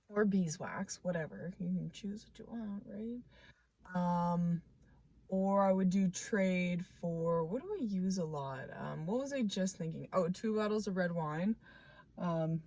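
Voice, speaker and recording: Chatting to the camera at home, a vlogger in her twenties speaks in a lowish, darkish voice. Her talk is rambling and full of fillers and restarts, with a playful, self-deprecating streak.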